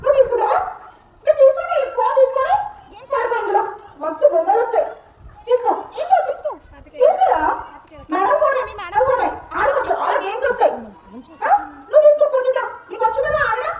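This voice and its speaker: High-pitched coaxing teacher. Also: female voice, lively intonation, quick pace, a crowd in the background. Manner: coaxing, repetitive, questioning. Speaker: school teacher. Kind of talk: coaxing young children in a classroom demonstration. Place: school classroom with children. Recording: echoey room, mic far off, faint noise.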